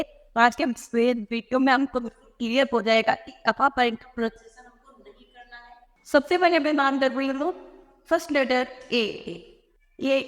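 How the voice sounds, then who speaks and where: A high-pitched woman with an Indian accent gives a patient classroom-style lesson. She says each rule slowly and repeats it. Her voice rings with a long room reverb. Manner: explains slowly, repeats phrases, mixes in English words. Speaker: English teacher.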